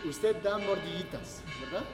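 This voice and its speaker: Man quizzing verb forms, slightly high voice, roomy hall, music clearly behind. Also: expressive, a little slow. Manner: checking questions, repeats answers. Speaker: workshop participant. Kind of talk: classroom drill exchange.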